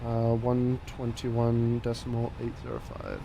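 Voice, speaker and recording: A man running a flight sim cockpit, reading checklist items and making radio calls to a controller over a headset mic, halting and full of fillers. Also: medium pitch, sing-song, creaky, dark tone, muffled recording, slight background noise. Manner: slow, halting, with many fillers and restarts. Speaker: flight simulator pilot.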